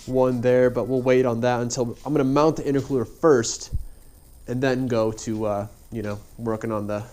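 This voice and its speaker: In a garage, a man casually talks through his car build as he works, picked up by a head-mounted action camera mic. His voice is mid-range and dark, congested and slightly nasal. It's laid-back how-to narration, rambling and full of filler.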